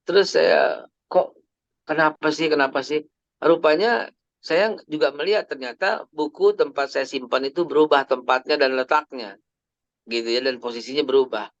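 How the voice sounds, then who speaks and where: A man's voice: mid-range voice, moderate pace, a bit bright, dry recording. A man, telling personal stories in a chatty family sermon and sprinkling in English phrases. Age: 50s. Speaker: Islamic preacher. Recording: dry, slightly dull lo-fi recording.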